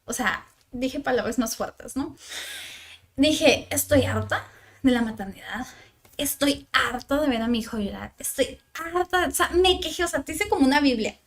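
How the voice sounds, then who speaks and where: Speaking at a normal speed with a high, lively voice, a young Mexican woman who is a psychologist shares a personal anecdote as a parenting podcast guest. She voices the dialogue of everyone involved, sprinkling in lots of "o sea" and "le digo."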